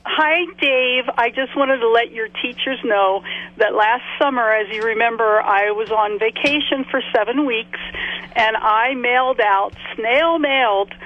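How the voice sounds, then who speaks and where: A woman's voice: fairly high pitch, unhurried. An older woman calling in over a landline phone, chatting casually and rambling through anecdotes. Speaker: caller. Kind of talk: casual call-in chat. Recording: dull lo-fi phone line.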